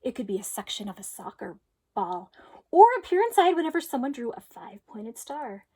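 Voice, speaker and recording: This woman's voice is on the high side yet dark-toned and husky, with a sing-song lilt. She reads a children's storybook with expressive, emphatic, deliberate phrasing, much as a teacher would for a class.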